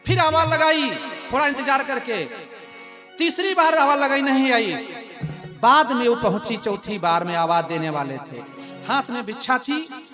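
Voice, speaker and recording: A man preaching a devotional katha sermon in with a tinge, telling a story in an animated way and often turning to his listeners. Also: very high voice, normal speed. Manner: animated storytelling, addressing the audience. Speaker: religious storyteller. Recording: music behind the voice.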